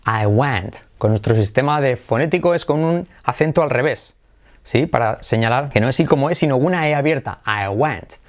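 A man's voice: mid-range voice, fairly quick. Guy teaching english in spanish, repeats stuff a lot, keeps going "all right? yes?". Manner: lively, drills phrases by repeating them, checks in with "¿sí?" and "all right". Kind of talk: bilingual language lesson.

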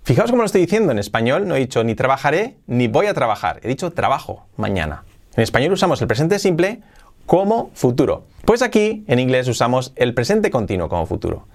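A man teaching a casual language lesson, repeating example phrases slowly and clearly. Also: medium pitch, very animated, darkish tone. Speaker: English teacher.

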